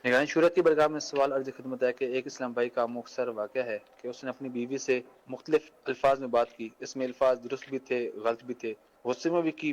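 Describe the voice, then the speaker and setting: A man with a Pakistani Urdu accent, reading out a question to a religious scholar in a formal, measured way. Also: mid-range voice, highs cut off.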